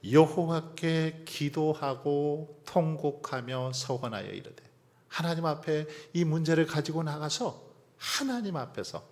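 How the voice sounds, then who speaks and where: A man preaching a sermon as pastor, asking the congregation rhetorical questions and letting phrases trail into near-whispers. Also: medium pitch. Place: church sanctuary. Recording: long church hall reverb.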